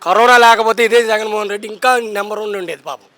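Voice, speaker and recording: Brief: young man, high bright voice, fast combative street-poll talk, handheld mic outdoors. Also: dry recording. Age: young adult. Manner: emphatic, combative, keeps repeating rhetorical questions. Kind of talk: impassioned political street talk.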